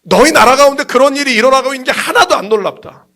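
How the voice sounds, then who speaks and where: A man's voice: very high voice, expressive, fast talker, a bit bright, voice pushed up, exaggerated voice. A pastor voicing God as a grieving, patient divine father, speaking earnestly and sorrowfully within a sermon. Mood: grieving, pleading.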